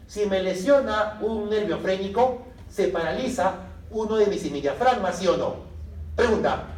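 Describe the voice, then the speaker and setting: A man lecturing a medical class, lively, asking the students questions and answering them himself. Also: high-pitched, slight background noise. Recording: echoey room from a distance.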